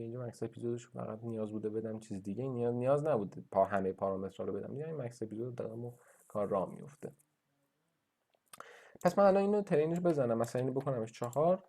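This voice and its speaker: In a screen-recorded coding tutorial, a university lecturer walks through his code in a dark-toned, medium-pitched voice. His speech is full of fillers and restarts as he thinks aloud.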